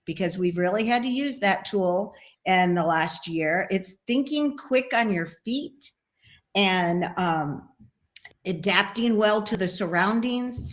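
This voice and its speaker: A woman's voice: mid-range voice, fairly bright tone. A woman who owns a travel agency, speaking earnestly as a guest in a casual video interview.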